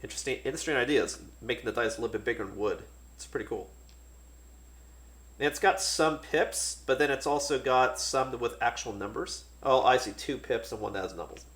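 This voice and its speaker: A man casually talking through a board game unboxing, relaxed and thinking aloud with many fillers. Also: mid-range voice, brisk, roomy sound.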